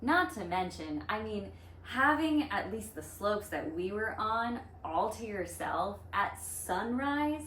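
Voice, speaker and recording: A woman co-hosting a vlog in casual conversation, upbeat and expressive. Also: medium pitch, takes it slowly. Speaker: vlog host. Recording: echoey room, faint background noise.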